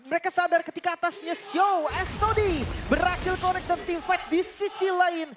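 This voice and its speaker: A man's voice: very high-pitched, steady tone, moderate pace. A man giving analytical live esports commentary, dropping in English phrases. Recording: music behind the voice. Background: music.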